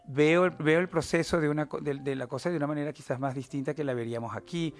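A man's voice: fairly high pitch, fast talker. A middle-aged man, a novelist, talking expressively and at length as a guest in a studio interview, with theatrical asides. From Venezuela. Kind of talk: casual interview chat.

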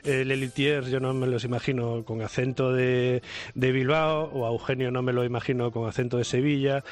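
A man on a radio talk show, explaining his view in a halting way with many restarts. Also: mid-range voice, level tone.

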